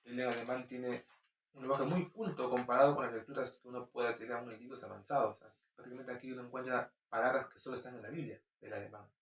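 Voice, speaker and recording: A man with a Peruvian Spanish accent, slowly reading Bible verses and commenting on them informally, with halting restarts. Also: mid-range voice, steady tone, slight background noise. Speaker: Bible teacher. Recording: roomy echo, distant mic.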